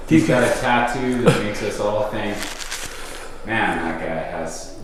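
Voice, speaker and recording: A man's voice: fairly low pitch, takes it slowly. A man chatting casually as a co-host, giving prompts from the side. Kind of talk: casual chat. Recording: very echoey room, clear background noise.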